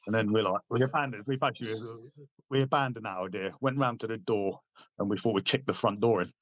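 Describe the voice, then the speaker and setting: A man's voice: on the low side, quick pace, fairly bright tone. A middle-aged man, a veteran guest, telling laddish anecdotes casually and swearing freely. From Britain. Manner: laddish, swears freely, acts out quoted lines. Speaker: podcast guest, army veteran.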